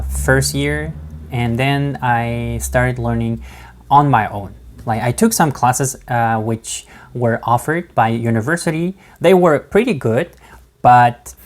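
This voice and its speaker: Speaking to camera in a casual vlog, a man recounts his studies in English, which isn't his native language, and his accent shows it. He hesitates a lot, restarting and using many fillers, and laughs between words. His voice is mid-range.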